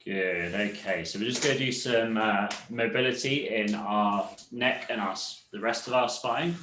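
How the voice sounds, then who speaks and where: A man instructor guiding a seated fitness cool-down, explaining calmly and correcting himself as he goes. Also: lowish voice, moderate pace, roomy sound, a little hiss or hum, poor audio. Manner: calm, explanatory, self-correcting. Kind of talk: leading a seated cool-down class.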